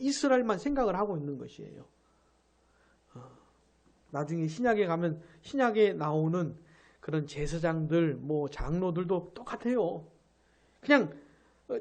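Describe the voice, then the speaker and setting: A male pastor teaching a Bible passage at a midweek service. His pitch swings widely as he stresses points and throws questions at the listeners. He slows down to read scripture aloud. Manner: emphatic, asks the listeners questions, reads scripture aloud slowly. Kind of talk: Bible study sermon.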